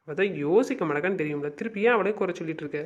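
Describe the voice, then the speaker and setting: A man's voice: sits high, racing, close to an everyday voice. A young man playing a pushy young man who coaxes and nags his friend to go and make up. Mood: urging. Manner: coaxing, nagging. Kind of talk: amateur web drama acting. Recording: dull lo-fi recording.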